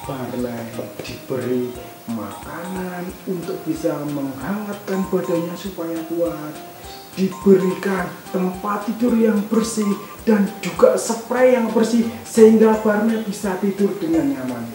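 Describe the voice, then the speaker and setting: A woman's voice: on the low side, animated, unhurried. Woman telling a children's Bible story. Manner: gentle, asks the children questions. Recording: echoey room with music behind.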